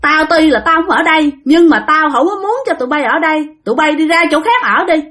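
Angry old male ghost guarding his land, gruff and scolding, Southern Vietnamese accent, high voice, as a woman storyteller puts him on. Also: brisk, fairly bright tone.

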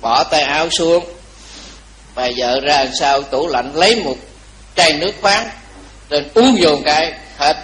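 A man giving a Buddhist dharma talk, telling a story lively and asking the audience questions. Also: a little high, measured pace, pauses often, a crowd in the background, rough recording. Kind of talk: storytelling sermon.

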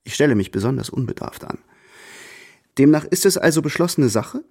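An actor playing a proud, composed young tutor in a radio drama, speaking in a measured, cool way. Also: male voice, a little high, expressive, vocal fry, darkish tone, breathy edge, exaggerated voice. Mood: defiant. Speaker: first-person narrator and protagonist.

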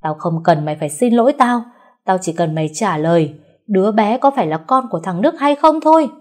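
A woman voicing a furious, cruel older mother-in-law who hurls insults in a raised, shrill voice. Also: lively intonation, fairly quick, lightly acted.

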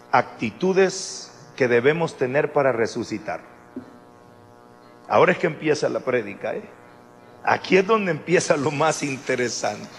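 A man preaching a sermon in an animated way, with chatty asides to the congregation. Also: medium pitch.

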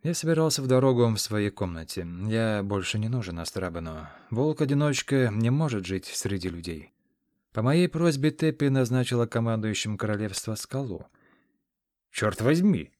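A man narrating a first-person fantasy story in a measured, grave manner. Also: fairly low pitch, expressive, a little mellow, dry recording, clean studio sound. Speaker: audiobook narrator.

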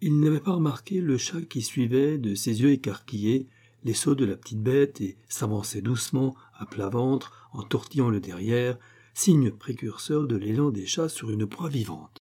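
A man narrating a comic story as an audiobook reading, in a measured storytelling manner. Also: mid-range voice, lively intonation, warm tone, breathy edge.

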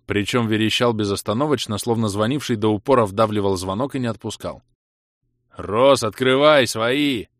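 A man narrating a first-person audiobook in an even, measured way. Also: lowish voice, dry recording, studio quality.

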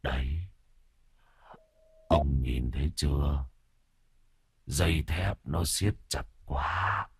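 A man voicing a mournful headless male servant ghost who speaks in a low, slow, wheezy moan. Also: no echo, heavily acted. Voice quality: wheezy, rasping.

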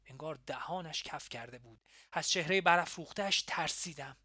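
A man narrating a first-person memoir audiobook in a steady, reflective way. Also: on the high side, no echo, clean studio sound.

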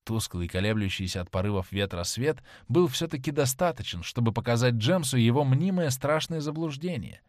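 A male narrator reads a classic novel with dramatic, expressive delivery. His pitch rises and falls in wide, lively arcs. The recording is dry, with the mic close. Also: moderate pace, hardly any pauses, dry recording. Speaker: audiobook narrator. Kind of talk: scripted narration.

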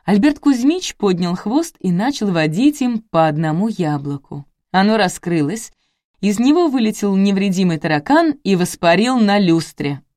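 A woman narrating a comic first-person audiobook in a brisk, wry manner. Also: mid-range voice, expressive, darkish tone, no echo, clean studio sound.

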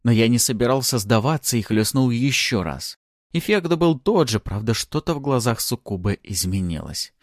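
Expressive male audiobook narrator. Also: mid-range voice, moderate pace, dry recording, clean studio sound. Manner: dramatic, expressive reading. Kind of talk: first-person fantasy narration.

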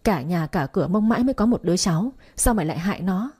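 A woman's voice: on the low side, lively intonation, fast, warm tone, breathy edge. A woman voicing a stern, furious older father-in-law who hisses accusations. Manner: hissing, accusing.

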